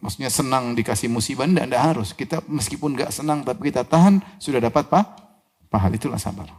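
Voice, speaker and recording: A man's voice: fast talker, breathy edge. A man preaching a sermon. He recites Arabic verses, explains them, and asks his listeners questions that he answers himself. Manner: animated, with sudden rises in pitch and loudness on key words.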